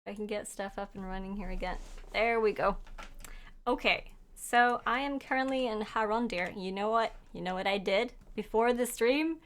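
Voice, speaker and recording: A young game streamer whose first language is Norwegian chats casually with viewers while she plays, reading their messages out loud. Her voice is medium-pitched and a bit bright at a moderate pace, with slight background noise. She's chatty and giggly, laughing often as she talks to chat.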